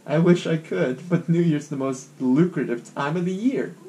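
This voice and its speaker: A man voicing a kindly old grandmother who runs a shop in a game, speaking slowly and softly. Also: on the high side, a little hiss or hum. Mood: gentle. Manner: slow, soft old-lady delivery. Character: kindly old grandma shopkeeper, gentle and homely. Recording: guitar music playing behind.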